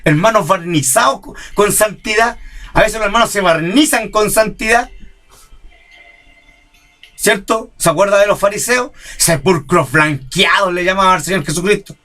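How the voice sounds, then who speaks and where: A man preaching, his voice high and bright with a cutting edge. He pleads and scolds in turn, throwing rhetorical questions at the congregation. Soft music plays underneath. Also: normal speed. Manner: impassioned, rhetorical "¿cierto?" questions, mimics church members. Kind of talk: sermon.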